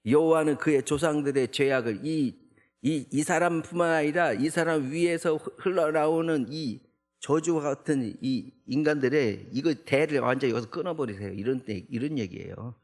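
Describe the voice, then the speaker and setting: Man, pastor, gravelly voice, early morning church sermon, chatty rhetorical questions. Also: on the high side, normal speed. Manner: conversational, with frequent rhetorical "eh?" tags; acts out the psalmist's protests in a raised voice. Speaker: junior pastor. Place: church sanctuary.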